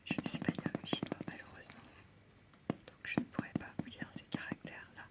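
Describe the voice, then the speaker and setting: A woman whispering ASMR right in the listener's ear, slightly hesitant and correcting herself as she goes. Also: a little fast. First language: French. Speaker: ASMR video host.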